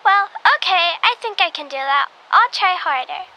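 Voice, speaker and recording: A woman's voice: very high voice, lively intonation, moderate pace, sharp tone, full character voice. A woman voicing an earnest, curious nine-year-old girl calling into a show.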